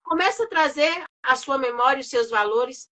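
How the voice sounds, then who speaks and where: Woman host of a faith talk, sincere personal stories, high, bright tone. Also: animated, moderate pace. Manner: earnest personal storytelling. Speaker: host of a live stream. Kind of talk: casual faith-based talk.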